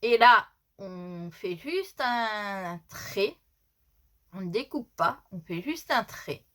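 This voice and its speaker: A woman's voice: medium pitch, animated, slow pace, fairly bright tone. A woman with a slight lisp that makes her s sounds slushy, giving an informal step-by-step craft tutorial and repeating her instructions as she explains.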